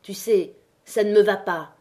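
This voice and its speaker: A woman's voice: medium pitch, a little slow, a little mellow, close to an everyday voice. Woman doing a menacing miner neighbour. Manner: threatening, crude.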